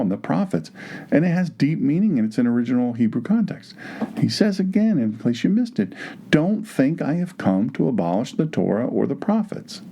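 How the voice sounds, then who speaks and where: A man teaching the Bible with animated emphasis, often repeating phrases to drive a point home. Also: medium pitch, creaky. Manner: acts out imagined objections in quoted voices.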